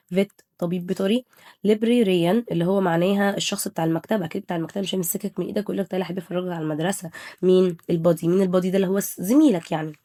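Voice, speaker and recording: A young Egyptian woman runs an English review lesson, her speech racing along. Her voice sits dark and mellow at an ordinary pitch. She keeps asking the class what each word means and answers at once, switching between Arabic and English. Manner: drills students with quick questions and answers. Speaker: English teacher.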